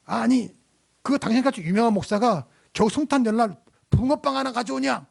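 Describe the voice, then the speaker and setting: A man's voice: sits high, racing, natural voice. A man voicing a furious homeless man who hurls accusations and threats. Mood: furious accusing. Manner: shouting accusations.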